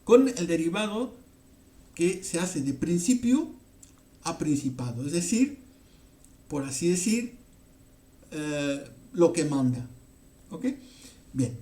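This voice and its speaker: A man from teaching a Bible passage in a halting way, with many fillers and frequent "ok?" check-ins. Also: fairly high pitch, big pitch swings, mellow. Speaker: preacher.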